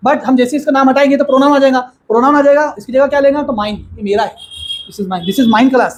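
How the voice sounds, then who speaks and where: A man teaching a grammar lesson to a classroom of students, explaining slowly and asking them questions again and again. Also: very high-pitched, poor audio.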